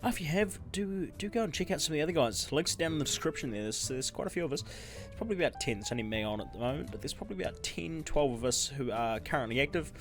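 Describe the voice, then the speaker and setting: A man's voice: fairly high pitch, expressive, quick pace, over music. A man giving casual gameplay commentary as a YouTuber. He rambles, interrupts himself and chuckles as he talks. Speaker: gaming YouTuber.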